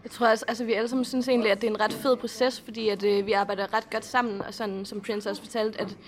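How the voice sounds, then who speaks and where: A woman's voice: on the high side, level tone. A Danish woman, a band member, talking enthusiastically about how the band writes songs. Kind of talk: casual interview answers.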